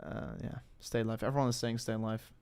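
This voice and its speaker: Speaking quickly with a clean tone, this young Dutchman hosts a crypto livestream, pitched at an everyday middle level. His talk to the live audience feels relaxed and unplanned, full of self-interruptions, restarts, dropped thoughts and fillers such as "uh" and "I mean."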